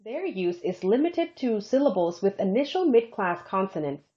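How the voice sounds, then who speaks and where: A woman narrating a scripted language lesson, slowing down carefully to demonstrate example syllables. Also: medium pitch, sing-song, dark tone. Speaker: language instructor. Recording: dull lo-fi screencast audio.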